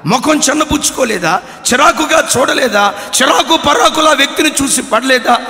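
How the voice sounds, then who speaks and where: A man preaching a sermon as pastor, with passionate shouts that drop to hushed tones. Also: very high-pitched, animated, normal speed. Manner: impassioned preaching with sudden shouts and hushed drops. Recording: echoey hall reverb.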